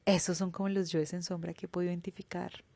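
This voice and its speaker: Colombian woman host, low-pitched, candid and slangy, dry close sound. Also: flat delivery, fast, gravelly, darkish tone, no echo. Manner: candid, colloquial, swears freely. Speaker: podcast host. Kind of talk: reflective personal monologue.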